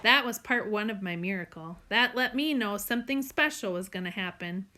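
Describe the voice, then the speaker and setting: A woman's voice: mid-range voice, moderate pace, sharp tone, a little hiss or hum. A woman narrating a novel in the first person, in an earnest storytelling tone. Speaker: audiobook narrator.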